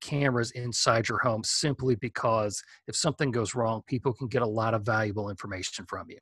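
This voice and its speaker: A man speaks as a guest expert, laying out practical home security tips in a relaxed, explanatory way. His voice is recorded close and dry, with no room sound. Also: lowish voice, brisk, slightly rough, no room sound. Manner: practical, explanatory, thinking aloud. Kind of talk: casual advice in an interview.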